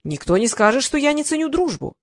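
A sly, greedy slave trader haggling over a price, as a woman reading the story puts him on, his wheedling voice swooping from low to high. Dry, close recording with no reverb. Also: sing-song, normal speed.

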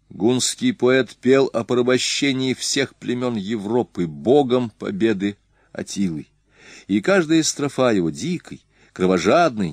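A man reading an adventure story aloud in measured, expressive narration. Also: lowish voice, no echo, clean studio sound. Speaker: audiobook reader. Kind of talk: scripted narration.

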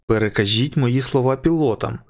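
A man's voice: medium pitch, fairly quick, natural voice. A man voicing a frightened, desperate airline passenger whose voice strains and trembles as he pleads to be believed. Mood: pleading. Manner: strained, pleading, voice breaking with panic.

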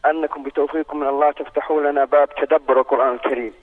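A man from Saudi Arabia calling in by phone, asking a formal, courteous question and reciting verses in a measured way. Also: a little high, fairly even intonation. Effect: heard over a phone line. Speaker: phone-in caller.

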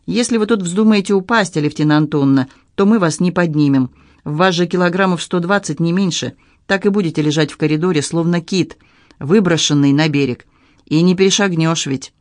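A man's voice: a little high, fairly quick, no echo, clean studio sound, natural voice. A man reading an audiobook, voicing a blunt, sarcastic young woman with a mocking, cutting manner. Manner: mocking, cutting, coldly matter-of-fact.

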